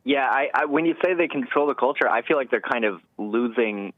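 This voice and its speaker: A man's voice: medium pitch, brisk, no echo. Male phone-in caller, casual and rambling, hesitant delivery, narrow dry telephone sound. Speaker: radio show caller. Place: phone call to a radio show. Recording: thin band-limited phone line.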